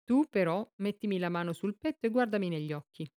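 A woman's voice: medium pitch, expressive, quick pace, warm tone, clean tone, close to an everyday voice. Berto, a woman doing a mocking teenage boy. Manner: mocking, swaggering. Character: cocky, scornful teenage boy.

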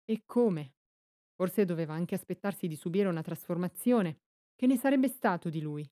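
A woman reading an audiobook in a calm, measured storytelling voice. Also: fairly low pitch, dry recording, studio quality. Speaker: audiobook narrator. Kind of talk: scripted audiobook narration.

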